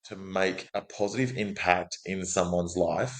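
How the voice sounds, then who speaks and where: A man's voice: deep voice, a little slow, rough recording. An outgoing Australian man talking casually as a guest in an interview, with lots of restarts. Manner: chatty, outgoing, frequent restarts and acted quotes. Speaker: guest, business development manager.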